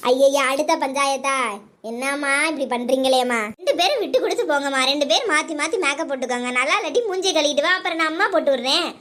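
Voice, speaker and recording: A woman's voice: high voice, quick pace, a bit bright. A woman voicing a bossy but caring middle-aged village aunt in a cartoon, firm and soothing. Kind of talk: cartoon voice acting.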